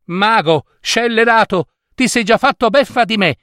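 A man doing a high, eager young hero. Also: lively intonation, normal speed, a bit bright, no echo, studio quality. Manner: pleading and urgent.

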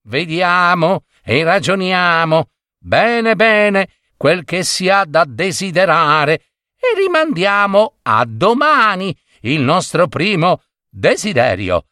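A man voicing a shrill, nagging peasant wife in a storybook reading. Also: sing-song, slow pace, bright, forceful tone, no echo, studio quality, full character voice. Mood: coaxing. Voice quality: shrill, shrieking. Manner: nagging, scornful. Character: shrill scolding peasant wife, middle-aged.

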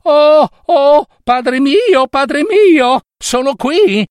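A man voicing a timid young female nymph who answers her father in a high, breathless, pleading voice. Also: animated, very slow, no room sound, studio quality, exaggerated voice.

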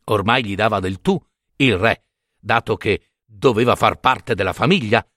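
A man reading a fairy tale aloud in an expressive, playful way. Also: on the low side, normal speed, dry recording, clean studio sound. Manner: animated, playful. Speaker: storyteller.

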